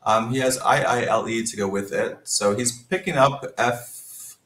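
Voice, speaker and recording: A man's voice: medium pitch, unhurried, a bit bright, echoey room. A man commentating a Scrabble match, analytical and thinking aloud about each move. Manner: analytical, thinks aloud while reading the board. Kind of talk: live game commentary.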